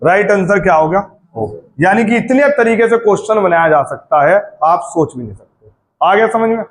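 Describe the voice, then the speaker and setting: A man's voice: high-pitched, lively intonation, moderate pace. A man teaching grammar for exams, drilling vowel sounds and checking often whether his students have understood. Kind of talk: exam-prep Hindi grammar lesson.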